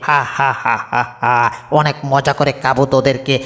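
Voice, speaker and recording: A man's voice: fairly high pitch, level tone, brisk, close to an everyday voice. A man playing a cackling greedy lion villain. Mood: gloating. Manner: cackling and boastful, wails when hurt. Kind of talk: homemade cartoon dub. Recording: long reverb, echoey room.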